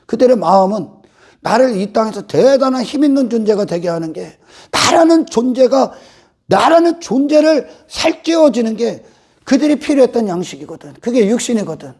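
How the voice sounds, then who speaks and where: A man preaching a fiery sermon as pastor, rising to shouts and acting out the complaints of his hearers. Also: very high voice. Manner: fiery, rises to shouts, mimics complaining voices. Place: church sanctuary.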